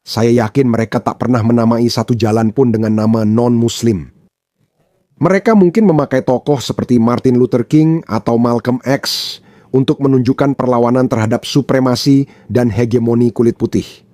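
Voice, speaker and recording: A man's voice: mid-range voice, fairly even intonation, normal speed, mellow, dry recording, studio quality. A man from Pakistan giving opinionated commentary, emphatic and repeating his points for effect.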